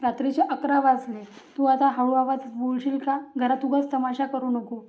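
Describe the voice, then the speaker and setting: A woman voicing an evasive young husband who curtly hushes his wife. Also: sits high, level tone, normal speed, lightly acted. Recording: tinny phone-like sound.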